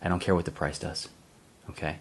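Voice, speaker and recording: Low-voiced man telling a story. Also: little pitch movement, brisk, husky. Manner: chuckles often, addresses viewers as guys. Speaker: channel host. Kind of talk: casual storytelling to camera.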